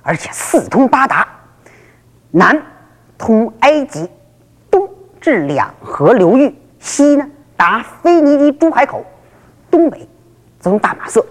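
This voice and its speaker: A woman storyteller tells her tale in the old oral style, exclaiming often. Her fairly high voice rises and falls a great deal and sounds a little breathy. It all rings in a long reverb. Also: slow pace, long pauses. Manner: lively, exclamatory, many interjections.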